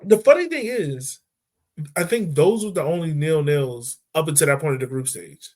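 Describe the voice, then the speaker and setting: A man with a slightly high voice talks at a normal speed as he hosts a casual soccer podcast. He's relaxed and loose, dropping plenty of fillers like "um" and "like."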